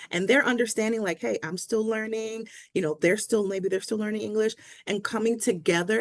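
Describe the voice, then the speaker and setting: A woman appearing as an interview guest acts as a Spanish language coach, giving a conversational pep talk in a fairly low voice. She is encouraging and emphatic, repeating key phrases for stress, and the recording is dry.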